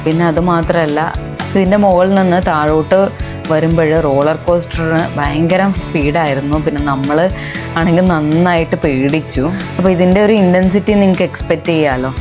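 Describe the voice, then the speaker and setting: A woman's voice: sits low, fairly even intonation, brisk, music in the background. A woman with a Malayalam accent explaining in a vlog voice-over, mixing plenty of English words into her Malayalam.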